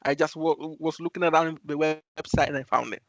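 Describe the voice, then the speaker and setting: A young Italian man, a student intern, gives an online presentation over a video call whose mic cuts in and out. He speaks hesitantly with many restarts, in a slightly high voice at a moderate pace with fairly even intonation and no echo.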